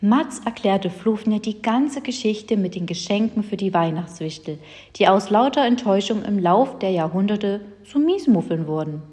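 A woman narrating a children's story in a calm, unhurried storytelling manner. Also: medium pitch. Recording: long hall reverb.

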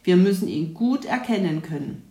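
A woman's voice: fairly low pitch, lively intonation, normal speed, dark tone, close to an everyday voice. A woman voicing a cautious, sensible young boy in a storybook, earnest and a bit reluctant. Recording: roomy echo.

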